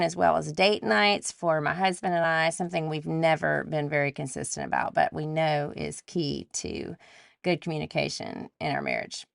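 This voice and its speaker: A woman with a lowish, creaky voice hosts a solo podcast, warmly reflecting her way through a numbered list from a script and adding faith-based asides. The recording is studio quality with no room sound.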